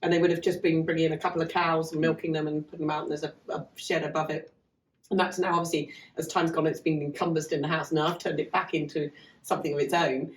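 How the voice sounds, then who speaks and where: A woman with a lowish voice talks in a chatty, rambling way, often laughing at herself. She is heard from slightly off the mic. The sound rings around a roomy, half-open farm building. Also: flat delivery, fast talker, slight background noise. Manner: chatty and rambling, self-deprecating. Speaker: guest running a farm learning hub. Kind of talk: casual podcast chat. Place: half-open converted cart lodge on a farm. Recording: echoey room, mic at a distance.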